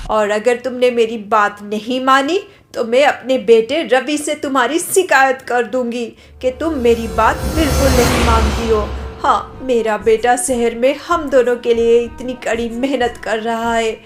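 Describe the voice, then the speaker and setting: Woman doing a nagging cartoon mother-in-law, slow and high-ish, fretful. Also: natural voice. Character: worried scolding older mother-in-law. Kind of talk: cartoon story voice acting.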